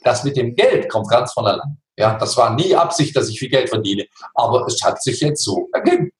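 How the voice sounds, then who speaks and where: A middle-aged man telling his life story as an interview guest, animated and emphatic, full of rhetorical questions. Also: mid-range voice, brisk. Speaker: interview guest, coach and actor. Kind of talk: conversational storytelling. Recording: roomy echo.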